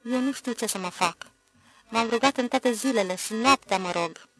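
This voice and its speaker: A reader voicing a young woman who confesses hesitantly and softly to a priest in an audiobook. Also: medium pitch, soft background music, close to an everyday voice, poor audio. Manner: hesitant, soft. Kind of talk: audiobook character voice.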